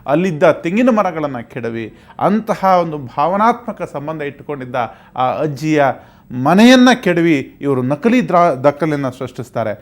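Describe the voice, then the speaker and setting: A man's voice: on the high side, big pitch swings, moderate pace. A man presenting a news report, speaking earnestly and appealing to viewers. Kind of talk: news commentary.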